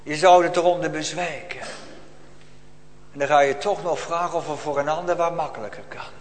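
A man delivers a solemn sermon in a church. His voice sits somewhat high and he presses his congregation with urgent rhetorical questions. A long reverb from the hall trails each phrase. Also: brisk, a little hiss or hum. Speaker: pastor.

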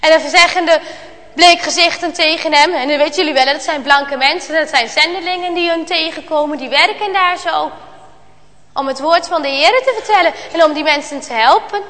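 A woman with a very high, bright voice tells a children's story. She swings from loud exclamations to hushed passages. Her voice rings out in a hall with a long reverb. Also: a little fast.

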